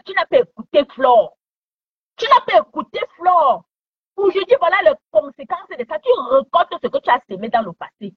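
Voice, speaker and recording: A woman giving heated commentary online, scolding someone with repeated taunting questions. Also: high-pitched. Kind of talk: heated social media commentary. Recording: dull lo-fi sound.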